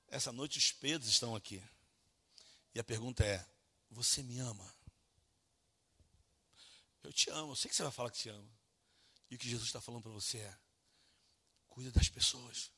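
Brazilian preacher, husky bright voice, soft to loud swings, storytelling sermon. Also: male voice, mid-range voice, quick pace, long pauses. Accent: Brazilian Portuguese. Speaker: pastor. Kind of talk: evangelical sermon.

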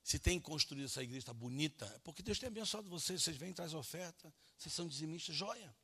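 Brazilian preacher, husky bright voice, soft to loud swings, storytelling sermon. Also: male voice, on the high side, animated, quick pace. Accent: Brazilian Portuguese. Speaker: pastor. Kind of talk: evangelical sermon.

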